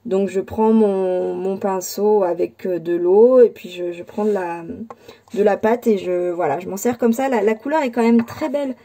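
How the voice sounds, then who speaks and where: Casting: woman, crafting vlogger, very dark mellow tone, halting casual delivery. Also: medium pitch. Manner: hesitant, many fillers and restarts. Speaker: scrapbooking channel host. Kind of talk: casual crafting show-and-tell.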